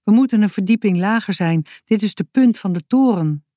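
Een vrouw die een snel denkend, bazig meisje voorleest, dringend en bevelend. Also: female voice, medium pitch, lively intonation, fairly quick, dark tone, dry recording, studio quality, close to an everyday voice. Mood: urgent. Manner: urgent, commanding. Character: quick-thinking bossy girl in a hurry.

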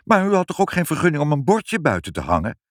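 A man voicing a fussy elderly male civil servant, a grandfather who talks gruffly and gets muddled, in a storybook reading. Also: fairly high pitch, huge pitch swings, fast, no room sound, clean studio sound, voice pushed up. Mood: flustered. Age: older. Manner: gruff, then doting and muddled.

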